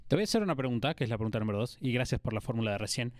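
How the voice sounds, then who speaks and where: A man's voice: mid-range voice, expressive, very fast, no echo. Argentine man asking rambling questions. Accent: Argentine Spanish. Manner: curious, asks long, rambling questions. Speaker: podcast host. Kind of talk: conversational interview.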